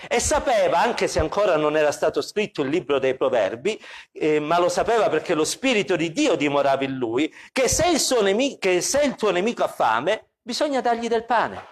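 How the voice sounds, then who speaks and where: A man preaching an evening sermon as pastor, with expressive delivery that repeats questions for emphasis. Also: sits high, normal speed.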